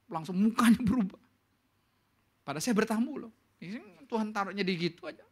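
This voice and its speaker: A man preaching a church sermon in an animated way, his pitch climbing for emphasis and English words mixed into his speech. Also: brisk, slightly rough. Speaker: pastor. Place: church service.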